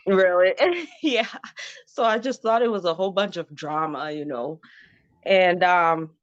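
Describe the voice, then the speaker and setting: This woman speaks unhurriedly in a lowish voice, with no room sound. She's in her thirties, from Zimbabwe, and candidly tells her personal story as a casual interview guest, laughing a lot and saying "um" and "you know," captured in dull, dry, lo-fi sound.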